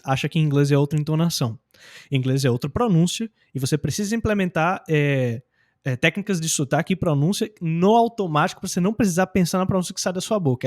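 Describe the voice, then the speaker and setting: A young adult man from Brazil gives a casual, slang-filled lesson on learning English. His voice sits fairly high. He talks with lots of energy and keeps acting out example phrases. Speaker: English teacher. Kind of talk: casual teaching talk.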